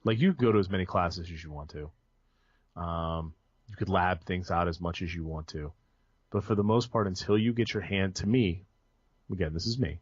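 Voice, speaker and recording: Speaking at normal speed in a deep voice with a breathy edge, a young podcast guest talks casually about his job in IT. He rambles through the conversational interview, often saying um and correcting himself, and the dull lo-fi audio is dry with no echo.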